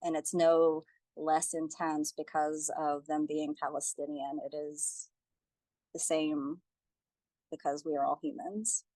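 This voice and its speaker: A young woman presenting at a community teach-in, her voice sitting a little low. She talks earnestly and evenly, reading through figures and a written account with care. The sound is dry and close, with no room around it. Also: slow pace, dry recording. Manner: earnest, steady, reads statistics and a testimony aloud.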